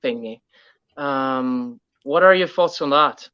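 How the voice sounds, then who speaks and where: Slow-talking guy, higher bright voice, lots of ums, dry lo-fi sound. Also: clear, resonant tone, dry recording. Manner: hesitant, fills pauses with um. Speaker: host. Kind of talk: casual conversation.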